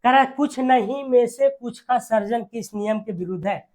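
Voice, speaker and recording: An exam-prep teacher, speaking in a classroom style, repeating key words and asking quick check questions with tag phrases. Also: mid-range voice.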